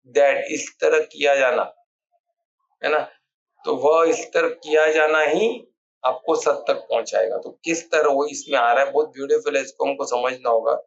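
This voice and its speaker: A man's voice: on the high side, highs cut off. Man explaining scripture, questioning, repeating. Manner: conversational, rhetorical questions, repeats key words, restarts. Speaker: spiritual teacher explaining scripture. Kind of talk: informal Hindi discourse on scripture.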